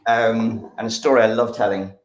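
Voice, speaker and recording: A man's voice: on the low side, steady tone, normal speed, roomy sound. An English man explaining a science demonstration during a live stream. He talks with enthusiasm, rambles, and uses a lot of fillers. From England. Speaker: science educator.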